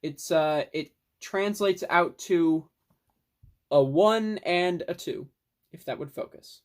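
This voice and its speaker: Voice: mid-range voice, slow. A young adult vlogger giving a casual, rambling film review monologue, enthusiastic, with mild swearing.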